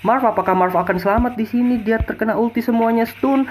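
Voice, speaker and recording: A man commentating an esports match in an excited game announcer style, repeating names and throwing out rhetorical questions. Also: very high voice, fast talker, slight background noise.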